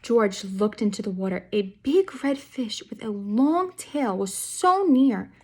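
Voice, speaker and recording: Unhurried and lively in intonation, a woman with a warm, slightly rough voice on the high side reads a picture book to young children. She storytells expressively in a teacher's style, addressing the little listeners directly with guiding questions.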